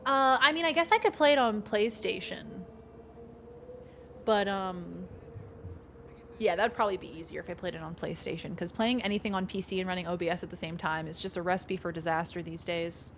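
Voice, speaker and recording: A woman livestreaming a video game, chatting casually with playful, expressive, giggly commentary. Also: on the low side, fairly quick, a little hiss or hum.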